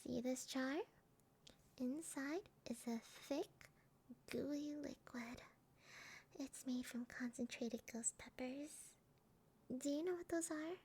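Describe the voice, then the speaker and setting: Slow, high, sweet, eerily obsessive ASMR role-play by a woman. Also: a little mellow, a little hiss or hum. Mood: sweetly cruel. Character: sweet, eerily obsessive young yandere woman, sadistic lover.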